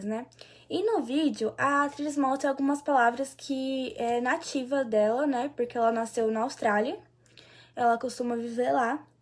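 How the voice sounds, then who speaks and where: A young woman with a high voice explains her part of a class project. She hesitates often and checks in with her listeners as she goes. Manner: hesitant, uses many fillers. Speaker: student presenter. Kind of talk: school presentation.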